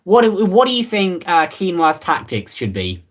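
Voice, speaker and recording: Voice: medium pitch, huge pitch swings, normal speed. A livestreamer chatting casually and reading out viewer comments. Rambles offhand, with many fillers and restarts and a playfully sarcastic edge.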